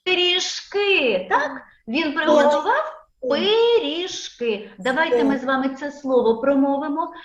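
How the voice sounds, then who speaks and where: A woman kindergarten teacher giving a phonics lesson, drawing out sounds slowly and coaxing children with questions, recorded in a classroom. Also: high-pitched, animated, a little hiss or hum. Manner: slow, drawn-out sound drills with children repeating; sing-song, coaxing questions. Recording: echoey room, dull lo-fi sound.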